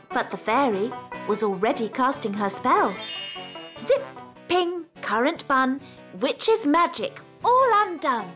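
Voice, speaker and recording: A woman voicing a gentle fairy queen and mother in a cartoon, telling a story with expressive sound effects. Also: on the high side.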